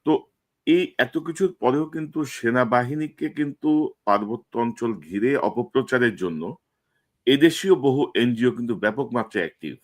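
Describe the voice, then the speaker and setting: A man with a voice of ordinary pitch, leading a political talk show. He pauses on "er" sounds, then rushes through emphatic statements. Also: expressive.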